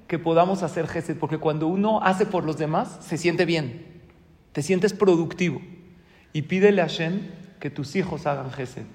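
Male rabbi, animated sermon storyteller, fairly high voice, long hall echo. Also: a little hiss or hum. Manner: lively storyteller, acts out voices.

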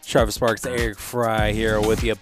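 A man hosting casual live sports radio, halting often with fillers. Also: fairly low pitch, flat delivery, over music. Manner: halting, filler-heavy delivery. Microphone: close studio radio microphone.

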